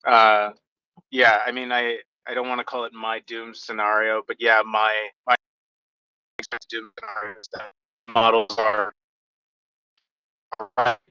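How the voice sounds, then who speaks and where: A man speaking haltingly in a casual online audio chat, his voice glitching and cutting out. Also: on the low side, little pitch movement, bright, forceful tone, smooth, no room sound. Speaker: panel speaker. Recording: dull lo-fi online call audio.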